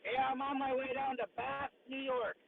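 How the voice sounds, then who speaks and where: A man's voice: very high-pitched, little pitch movement, moderate pace, gravelly, no room sound. Man on a muffled phone mic. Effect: muffled phone mic from inside a car. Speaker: friend joining a voice chat. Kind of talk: casual chat. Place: inside a car, on the road. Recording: muffled lo-fi phone audio in a car.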